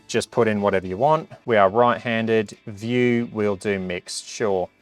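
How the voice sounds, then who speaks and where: A man's voice: on the low side, unhurried, no echo, faint music behind. A man giving a casual hands-on review, chatting and reacting aloud as he plays. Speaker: product reviewer.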